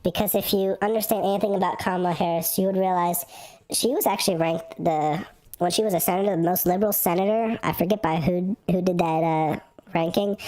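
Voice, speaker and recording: A man using a voice changer, pitched-up voice. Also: a little mellow. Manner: rambling, with filler words and restarts. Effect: voice changer pitching his voice up. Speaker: livestream host. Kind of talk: casual political livestream talk.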